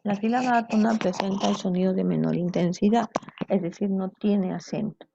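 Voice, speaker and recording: A woman teaches a grammar lesson, patiently explaining each point and pausing to check that her students follow. Her voice is gravelly and warm. The recording is dry and a little muffled, with a lo-fi sound. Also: medium pitch, steady tone, dry recording. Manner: explanatory, checks in with "¿cierto?" and "¿bien?". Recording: dull lo-fi sound.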